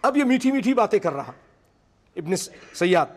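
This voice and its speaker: Man, preacher, high voice, sermon, recites then explains, long hall reverb. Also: sing-song. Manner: vivid storytelling delivery. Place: mosque hall with seated congregation.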